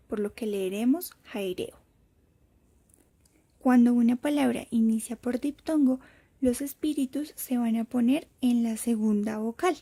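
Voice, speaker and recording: Soft-voiced woman teaching a lesson. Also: on the high side, vocal fry, slightly rough. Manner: slow, careful explanatory delivery. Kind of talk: scripted lesson narration.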